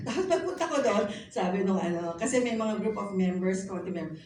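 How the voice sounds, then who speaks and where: A woman's voice: medium pitch, animated, a little fast, a little mellow. Chatty woman testifying in an echoey room. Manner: chatty, mixes English into Tagalog, polite po. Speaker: pastor's wife giving testimony. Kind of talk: personal testimony. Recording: echoey room, mic at a distance, faint noise.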